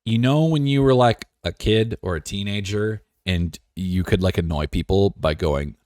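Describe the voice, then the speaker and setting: Deep-voiced joking male streamer. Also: normal speed, darkish tone, dry recording, studio quality. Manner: joking, self-assured, rambling. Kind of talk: casual live-stream commentary.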